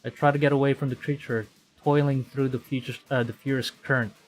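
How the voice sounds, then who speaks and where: A Filipino man streams as a VTuber, commenting live on his playthrough and reading visual novel text aloud in a medium-pitched, level voice. He's halting, thinks aloud, and stumbles over the lines. The audio is poor, with game music in the background.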